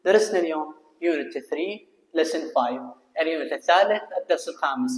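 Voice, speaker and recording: A man with an Iraqi Arabic accent teaching English to students, reading phrases slowly and translating each one. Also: a little high, lively intonation. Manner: explains slowly, reads English phrases then translates them. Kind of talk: recorded classroom lesson. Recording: echoey room with long reverb.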